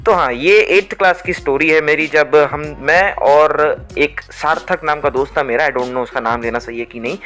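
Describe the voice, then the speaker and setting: A man's voice: on the high side, normal speed, few pauses, soft background music. Chatty young man telling a school story. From India. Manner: rambling, animated, restarts often, acts out teachers. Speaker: storytime vlogger. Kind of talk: casual storytelling monologue.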